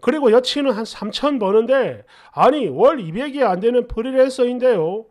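Man, very high voice, animated, exasperated storyteller. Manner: conversational, exasperated, rhetorical asides. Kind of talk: narrating a reader-submitted story in first person.

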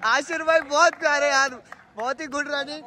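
His voice is very high and sharp, steady in tone and moderately paced. A young adult from Pakistan, he vlogs and plays in a night street cricket match, eagerly calling each ball, tallying runs and cheering his side, captured on a handheld phone amid crowd noise.

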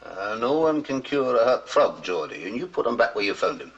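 An actor playing a brusque, stern country vet with a curt, dismissive manner. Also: male voice, medium pitch, sing-song, brisk, a bit bright. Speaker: veterinarian. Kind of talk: 1960s film dialogue. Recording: dull old film soundtrack with hiss.

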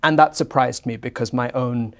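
A middle-aged man from Singapore, a guest historian answering at length in a measured, fluent way in a bright office lounge. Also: medium pitch, fairly even intonation. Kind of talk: academic conversation.

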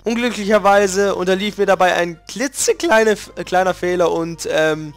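A man's voice: sits high, moderate pace, soft background music. A man voicing a nervous, stammering female lizard scientist from a video game, hesitating with many ums and restarts. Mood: nervous, sheepish. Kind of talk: reading game dialogue aloud.

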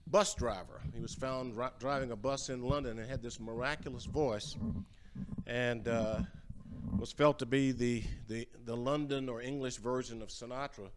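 An older man hosts a home music show, singing ballads and chatting casually between them, with many fillers and repeated words. His mid-range voice is picked up by a far camera as he stands at a music stand across a large indoor entryway, with slight background noise.

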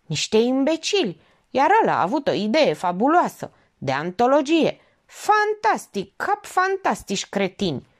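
A woman's voice: fairly high pitch, sing-song, pitched above the performer's own voice. Woman reading as a scornful male veterinarian. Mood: furious. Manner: mocking, scathing outbursts.

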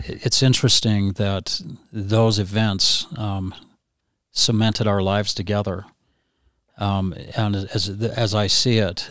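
A middle-aged man hosting a podcast, speaking in a slow, measured way. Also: lowish voice, no echo, studio quality. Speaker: podcast host, hypnotist. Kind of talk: gentle interview talk. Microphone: podcast mic.

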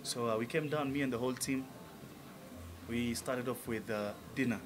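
This medium-pitched male voice keeps a fairly even intonation and a moderate pace against a noisy background. He's a musician from Tanzania in his thirties, chatting with lots of fillers and real enthusiasm as an interview guest in a restaurant lounge, recorded on a stand-mounted table mic.

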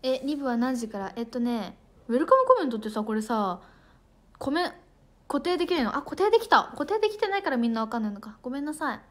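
A woman's voice: high-pitched, big pitch swings, fast. A young woman idol livestreaming in casual chat, bubbly and chatty, thanking viewers for gifts and sometimes tripping over her words.

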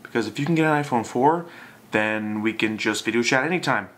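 A man's voice: medium pitch, fairly quick, fairly bright tone. A young man in casual, drunken, loosely rambling chat to a camera, as in a video message to a friend. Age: young adult. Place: small bedroom, indoors.

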